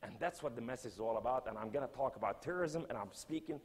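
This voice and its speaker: A man giving an impassioned sermon at a conference, swinging from hushed to loud. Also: medium pitch, animated, fast, breathy edge. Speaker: guest speaker. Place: large conference hall. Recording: long hall reverb.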